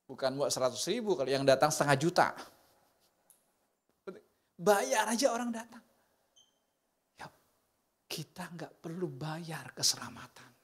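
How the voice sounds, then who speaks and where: A man with an Indonesian accent preaching a conversational sermon, often asking his congregation questions and swinging from loud emphatic bursts to soft, near-whispered lines. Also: on the high side, lively intonation, measured pace, long pauses, breathy edge. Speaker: pastor.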